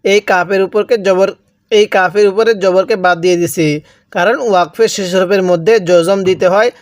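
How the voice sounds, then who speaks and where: A man teaching Quran reading in Bengali with a Bangladeshi accent, spelling out words slowly and asking and answering his own questions. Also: sits high, fairly even intonation, no room sound, studio quality. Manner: drills syllable by syllable, asks and answers own questions. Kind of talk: slow spelled-out recitation lesson.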